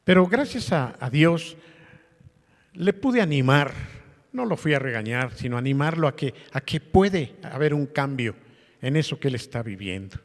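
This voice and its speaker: A man's voice: medium pitch, very animated, normal speed. A man, a pastor preaching a conversational sermon to his congregation and asking them questions. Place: church meeting hall. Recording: long hall reverb.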